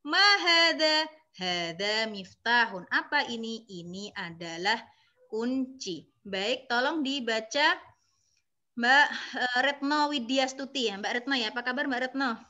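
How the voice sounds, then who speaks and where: A woman's voice: fairly high pitch, unhurried, sharp tone. A woman teaching an online Arabic lesson, explaining patiently step by step and often adding "ya".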